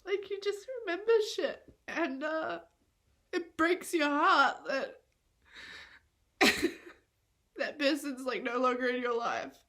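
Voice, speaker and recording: A woman's voice: high-pitched, slow, long pauses, fairly bright tone. A young woman rambling in a tearful confessional vlog, swearing often and laughing at herself through tears.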